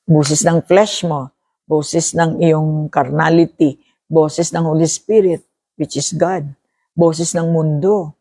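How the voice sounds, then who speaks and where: An animated preacher with a Filipino accent, teaching a church meeting in a mix of Tagalog and English. The delivery keeps circling back to key phrases and quizzing the listeners. The voice is gravelly and darkish. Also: medium pitch, dry recording, studio quality. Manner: animated, repeats key phrases, asks the room questions.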